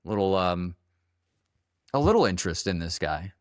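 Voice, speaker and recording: A man with a very low, deep voice talks football in a relaxed, unhurried way, circling back and restarting his thoughts. The sound is close and dry, with no room around it. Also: dry recording. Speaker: podcast co-host. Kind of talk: casual sports chat.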